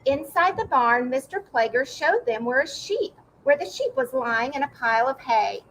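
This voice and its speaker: Storybook reader, woman, high-pitched, clear and warm. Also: expressive, moderate pace, a little hiss or hum, poor audio. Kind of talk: reading a children's book aloud.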